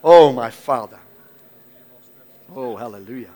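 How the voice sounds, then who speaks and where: With a medium-pitched, mellow voice and an unhurried pace, a man from the Netherlands delivers a Pentecostal-style sermon with congregational call-outs. He speaks with a Dutch accent, exclaiming, hesitating, and repeating words often.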